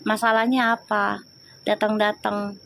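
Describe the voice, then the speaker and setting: A woman's voice: mid-range voice, little pitch movement, a little slow, creaky, a bit bright. Chatty tarot reader woman. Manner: chatty, scolds commenters, switches to slangy banter. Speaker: tarot reader on a live stream. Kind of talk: live-stream tarot reading and chat replies.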